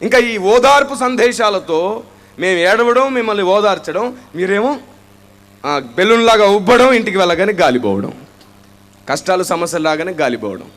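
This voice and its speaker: A man's voice: high-pitched, lively intonation, normal speed, fairly bright tone. A man with a Telugu accent preaching a sermon, firing rhetorical questions at the congregation and acting out their prayers in dramatic voices.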